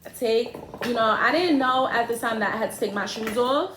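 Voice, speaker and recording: Animated young New woman storytelling. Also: on the high side, brisk, a little hiss or hum. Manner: animated, laughing, slangy, addresses viewers directly. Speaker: vlogger, co-host with partner. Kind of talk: casual storytelling to viewers. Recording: echoey room.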